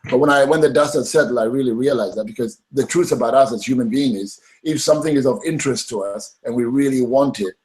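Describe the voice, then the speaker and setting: Animated man telling his story. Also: mid-range voice, quick pace, few pauses, rough recording. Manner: animated, acts out quoted dialogue. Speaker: interview guest. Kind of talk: energetic storytelling in conversation.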